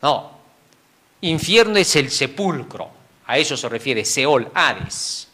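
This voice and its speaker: Animated man teaching a Bible lesson. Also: mid-range voice, slow pace. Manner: animated, frequent tag questions, chuckles between points.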